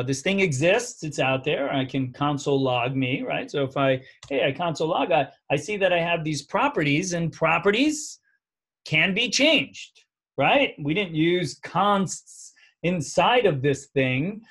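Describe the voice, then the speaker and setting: Chatty New man teaching code. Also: a little high. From New York. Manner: casual, chatty, frequent "right?" checks. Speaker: coding instructor. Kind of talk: live online coding class.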